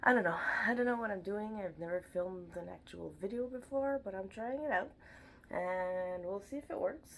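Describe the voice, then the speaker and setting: At home in Montreal, this young woman with a Quebec French accent talks books to camera for her BookTube channel, her nose blocked and voice nasal. She speaks at a moderate pace in a mid-range voice, chatty, rambling and self-deprecating, with slight background noise.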